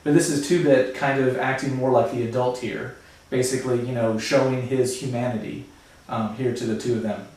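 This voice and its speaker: Echoey teacher explaining a novel. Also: male voice, mid-range voice, fairly even intonation, a little fast, a little mellow. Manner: casual, explaining. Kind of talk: reading a novel aloud to a class. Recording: very echoey room, far from mic.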